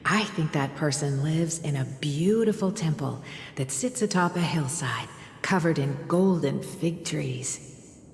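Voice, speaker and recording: An actress playing a gentle, loving mother in a game, speaking softly and serenely. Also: sits low. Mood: tender, serene. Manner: soft, serene, tender, maidenly delivery. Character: gentle loving mother telling her young daughter a tale. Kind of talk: scripted game dialogue. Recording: long echoing reverb, music behind.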